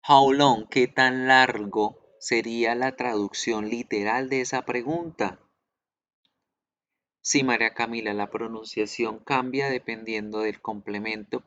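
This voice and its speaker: A man teaches English over a muffled online class connection. He speaks slowly and patiently, with a mid-range voice, and repeats pronunciation drills aloud. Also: medium pitch, fairly even intonation, fairly bright tone, dry recording.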